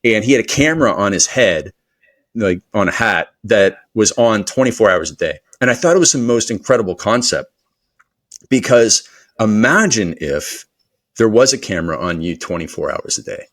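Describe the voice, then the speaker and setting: A man with a fairly low voice talks as a guest on a podcast. He is a performance coach. His delivery is energetic and motivational, rambling along with plenty of fillers. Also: normal speed. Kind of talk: podcast interview conversation.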